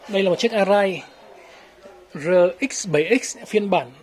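A helmet shop owner chatting through an unboxing, pausing often with fillers. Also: medium pitch. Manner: hesitant, many fillers. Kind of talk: casual unboxing vlog.

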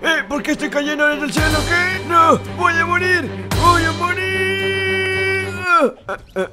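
A doddering old grandpa with a Mexican accent, as a young man puts him on, talking in a voice pitched well up. He rambles, loses his thread, and breaks into sudden yelps while narrating a video game. Clear background music plays under him. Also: animated, moderate pace. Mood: confused. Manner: rambling, easily confused, bursts into yelps. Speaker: gaming YouTuber. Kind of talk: comedic gameplay commentary in character.

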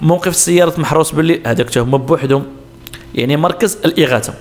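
Fast-talking Moroccan driving instructor man. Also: fairly high pitch, a little hiss or hum. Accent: Moroccan Arabic. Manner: explains answers step by step, asks and answers himself. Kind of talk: road sign exam lesson.

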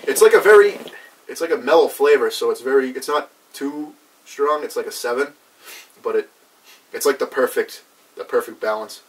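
A young man in a casual review chat, halting and searching for words as he goes. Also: mid-range voice. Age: young adult. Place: small cluttered indoor room with brick wall. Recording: distant mic, background noise.

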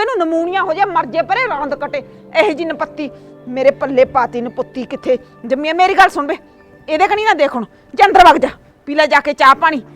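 An actress playing a nagging stepmother in a village comedy sketch, shrill and complaining. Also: fairly bright tone. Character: nagging middle-aged stepmother who later repents. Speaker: actress in a short comedy film.

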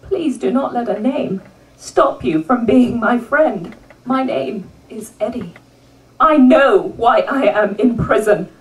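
A woman's voice: fairly high pitch, expressive, slow. A woman performing rhythmic spoken-word poetry at a live benefit event, rousing the audience into call-and-response. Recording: voice picked up from a distance at a live event.

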